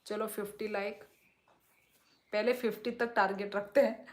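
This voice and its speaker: A young woman from Tripura chatting casually on a phone live stream at home at night, reading viewers' comments and talking softly so she won't disturb the neighbours. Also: level tone, a little slow. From Tripura, India. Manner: chatty, sways while talking, lowers voice to keep it down. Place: small room at home at night. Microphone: phone held or propped close.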